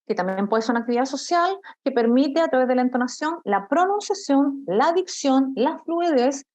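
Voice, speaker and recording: Chilean woman teacher, middle-aged, bright higher voice, muffled lo-fi audio, talks straight to students. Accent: Chilean Spanish. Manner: explanatory, addresses students directly with frequent checks. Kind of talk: study-skills lesson. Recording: dull lo-fi recording.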